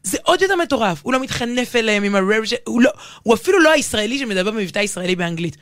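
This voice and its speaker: A woman's voice: fairly high pitch, animated, fairly bright tone, dry recording. A woman with an Israeli accent co-hosting a casual talk show, speaking emphatically and often breaking off to rephrase mid-sentence. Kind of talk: casual animated conversation.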